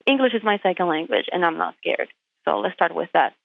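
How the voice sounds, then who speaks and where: On a tinny phone line, a woman with a low-leaning, gravelly voice talks fairly quickly. A Puerto Rican truck driver whose first language is Spanish, she is the guest in this interview. She speaks with directness and emphasis, asking many rhetorical questions.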